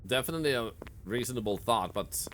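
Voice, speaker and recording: Excitable, bright-voiced male game streamer. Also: mid-range voice, fast, slight background noise. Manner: excitable, laughs often, yelps and shouts at sudden scares. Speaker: streamer playing a horror game. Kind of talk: live gameplay commentary.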